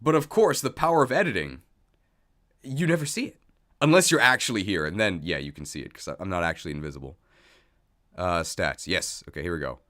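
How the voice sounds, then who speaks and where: A low, animated male voice, fairly quick and a bit bright, belongs to a streamer hosting a livestream. While getting set up, he chats casually, thinks aloud and makes jokes about himself.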